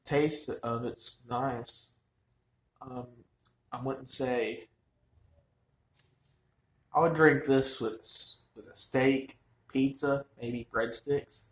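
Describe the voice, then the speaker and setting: A man's voice: mid-range voice, steady tone, very slow, pauses often. Chatty man in an echoey room. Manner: rambling, chatty, frequent fillers. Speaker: vlogger reviewing wine. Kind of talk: casual chat.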